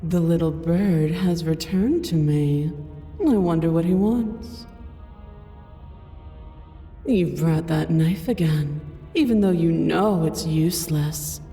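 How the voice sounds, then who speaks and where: A woman voicing a towering giant princess in a video game, slow, lordly and condescending, with a booming, magically amplified voice. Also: warm tone, faint music behind. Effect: booming, magically amplified voice with long reverb.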